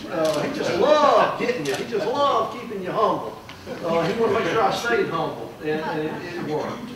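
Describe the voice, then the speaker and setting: A man's voice: sits high, very animated, normal speed, recorded from a distance, a loud crowd. An older man, a judge giving a folksy memorial speech with many fillers. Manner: folksy, warm storytelling with fillers. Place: large room at a plaque dedication. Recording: echoey room, mic from afar.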